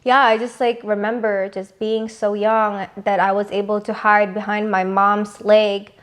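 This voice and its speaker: A young woman from the Philippines, a mother, speaking softly and haltingly with many fillers in a casual podcast conversation. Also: mid-range voice, flat delivery. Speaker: podcast co-host.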